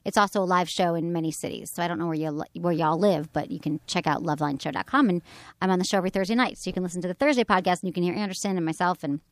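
A woman hosting a podcast in a radio studio, talking fast and with lots of energy in casual chat. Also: lowish voice, no echo. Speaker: podcast host. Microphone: studio microphone.

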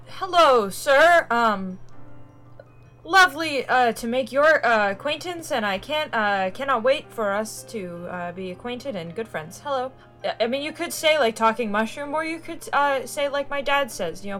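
A woman's voice: on the high side, a bit bright. A woman voicing an eager, awkwardly polite adventurer in a tabletop game, stammering through chipper, overly formal greetings.

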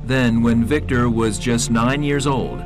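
A man reading scripted documentary narration in a measured, even way. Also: mid-range voice, music in the background.

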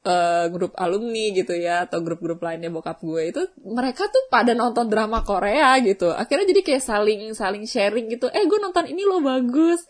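A young woman, hosting a vlog and chatting casually with viewers, telling a story in a slangy, animated way. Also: medium pitch, a little fast, few pauses. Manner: chatty storytelling, slangy Jakarta-style, animated when excited. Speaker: vlog host.

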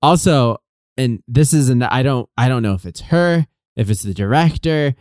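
A man co-hosting a casual film review podcast, talking in an animated, sarcastic way and laughing often. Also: medium pitch, moderate pace, no echo, clean studio sound. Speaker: podcast co-host.

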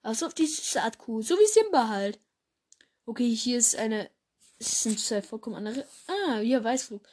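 A young woman hosting a fan podcast, chatting casually and gushing excitedly as she reads through a list. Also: fairly high pitch, moderate pace. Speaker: podcast host. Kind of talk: casual fan chat reading from a wiki.

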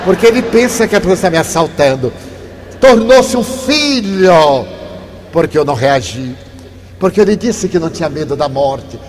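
An older man giving a spiritist lecture, telling stories that move from hushed tones to animated ones. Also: a little high, moderate pace. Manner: warm storytelling, shifts from hushed to animated. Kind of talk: inspirational lecture with storytelling. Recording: long hall reverb, faint background noise.

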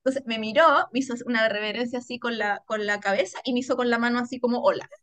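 A Chilean woman telling a story on a casual podcast chat, animated and slangy, laughing often. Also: a little high, fast, no echo. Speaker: podcast co-host.

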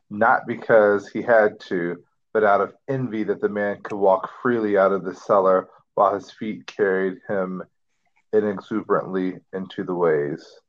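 A man on a podcast over an online voice call, calmly chatting and reading passages aloud from a book. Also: low voice, muffled recording. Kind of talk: casual book discussion chat.

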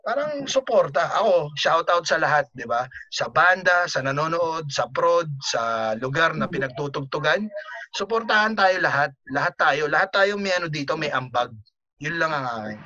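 A man's voice: fairly high pitch, lively intonation, moderate pace, bright, forceful tone, no room sound. A man in a casual group chat about the music scene, talking bluntly with frequent swearing and tag questions. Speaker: band member, podcast guest. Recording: muffled lo-fi audio with clear background noise.

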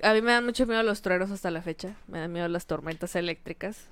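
A woman's voice: fairly low pitch, fast, clear, resonant tone. A woman with a Mexican accent, co-hosting a podcast in casual chat, telling childhood stories and acting out quotes. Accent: Mexican Spanish. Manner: animated storyteller, acts out quotes. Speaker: podcast co-host.

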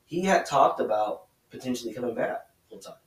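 A man co-hosting a casual motorsport podcast speaks hesitantly, with many fillers and restarts. His medium-pitched voice is expressive and fairly quick. The recording sounds roomy, with a distant mic.

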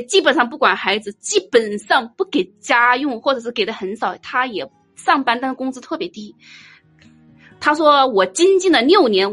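A woman giving an informal dharma talk as a Buddhist teacher, blunt and teasing, telling lively stories. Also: a little high, slightly rough. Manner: blunt, teasing, animated storytelling.

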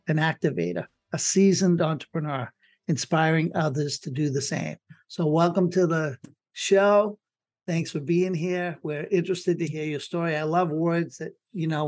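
A man hosting a business podcast, upbeat and encouraging as he introduces the show and his guest. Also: a little high. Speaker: podcast host. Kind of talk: scripted show intro and interview.

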